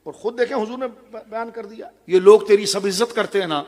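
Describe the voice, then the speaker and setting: A middle-aged man preaching a religious sermon to a gathering, telling the story with passion and speaking straight to his listeners, his voice moving between loud and hushed. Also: high voice. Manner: addresses the audience directly. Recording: long hall reverb.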